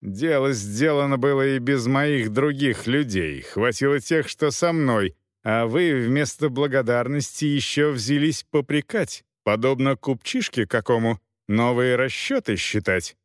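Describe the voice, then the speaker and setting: A man reading aloud, voicing a hot-tempered male mercenary captain who shouts indignant taunts. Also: mid-range voice, lively intonation, a little slow, few pauses, no room sound, studio quality, natural voice. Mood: scornful.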